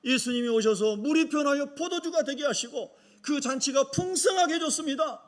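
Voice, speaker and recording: A man's voice: very high voice, fairly quick. A man preaching as a humble, hot-tempered Galilean fisherman apostle, making an earnest first-person confession. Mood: grateful.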